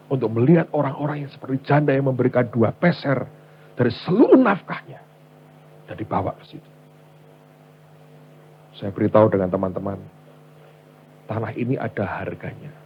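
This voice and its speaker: A pastor with a medium-pitched voice preaches a sermon, calling the congregation his brothers as he tells stories and acts out the voices of the people in them. The recording has its highs cut off, with a little hiss or hum.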